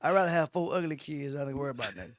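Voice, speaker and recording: A man hosting a radio show in casual interview chat, loud and joking. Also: a little high, expressive, racing, no room sound, studio quality. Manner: loud, joking, Southern US slang.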